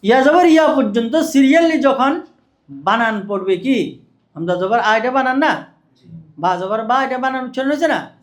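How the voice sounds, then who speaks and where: A man with a high-pitched voice lectures on teaching Quran reading. He keeps asking questions and answering them himself. He slows down to drill syllables one at a time. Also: animated. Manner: asks and answers his own questions, drills syllables slowly.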